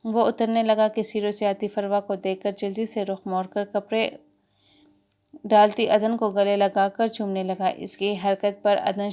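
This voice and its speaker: A woman narrating a romance novel as an audiobook in a steady, even storytelling manner. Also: mid-range voice, clean tone. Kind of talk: scripted narration.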